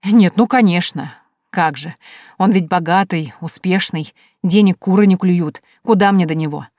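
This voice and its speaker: A smug young charmer talks in a wheedling, needling way, read by a woman narrator. The voice sits low, and the recording is dry and close, with no room sound. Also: normal speed, no room sound, natural voice. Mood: bitter. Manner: wheedling, then bitter and shouting.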